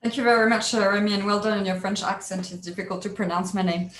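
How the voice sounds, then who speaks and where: A woman presents at an online panel, polite and lively, with frequent small fillers. Her voice comes through a video call in a roomy space with a faint background hiss and some room echo. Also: mid-range voice, fast. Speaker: keynote speaker. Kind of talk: webinar presentation.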